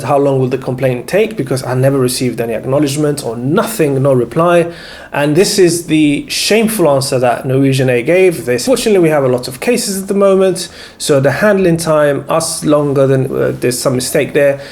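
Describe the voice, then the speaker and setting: A man's voice: a little high, darkish tone. A man recounting a bad customer service experience to camera in an exasperated, emphatic way, repeating his points. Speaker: vlogger recounting a complaint. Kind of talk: indignant first-person account to camera.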